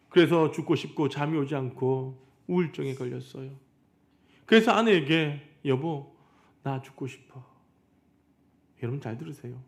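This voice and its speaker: Gravelly-voiced male pastor preaching. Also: fairly high pitch, a little mellow. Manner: storytelling, addresses congregation directly, acts out quoted dialogue. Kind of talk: sermon. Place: church sanctuary.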